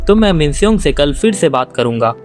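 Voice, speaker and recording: A man voicing a blunt teenage schoolboy who looks out for his friends. The voice sits a little high, plain and reassuring. Faint music runs quietly beneath the storybook recap. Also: big pitch swings, a little fast. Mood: firm. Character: earnest teenage schoolboy fighter, protective. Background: faint background music.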